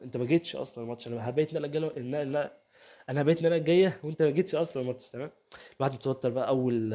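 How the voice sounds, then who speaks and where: Rapid-talking Egyptian man explaining chess. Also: mid-range voice, dark tone. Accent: Egyptian Arabic. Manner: rapid, chatty, keeps asking "تمام؟", voices players' banter. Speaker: chess youtuber. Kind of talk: casual chess game analysis. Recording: home setup, first video.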